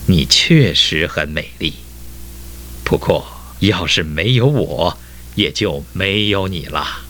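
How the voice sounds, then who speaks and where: A man voicing a patient, wise sun that gives gentle advice in a children's story. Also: sits low, expressive, slow, slight background noise, heavily acted. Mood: advising. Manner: gentle advising tone.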